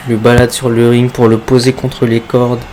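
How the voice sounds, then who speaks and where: Excitable male wrestling commentator over background noise. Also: medium pitch, moderate pace, rough recording. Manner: exclaims loudly at big moves.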